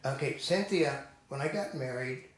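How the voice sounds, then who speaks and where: A man's voice: mid-range voice, normal speed. An older man co-hosting a casual discussion, telling digressive stories and stating firm opinions. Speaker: co-host. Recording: echoey room with faint noise.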